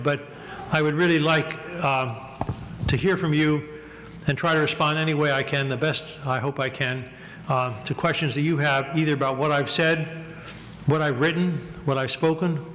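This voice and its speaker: An older male guest lecturer speaking in a measured, reflective way, with gentle humor, giving a lecture and taking questions. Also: on the high side. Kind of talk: academic lecture and Q&A. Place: lecture hall. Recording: echoey hall with ambient noise.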